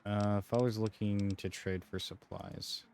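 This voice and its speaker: A man's voice: on the low side, flat delivery, unhurried, creaky, a little mellow, soft background music. A man streaming a video game, talking casually and bluntly with plenty of swearing at the characters on screen. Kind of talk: casual gameplay commentary.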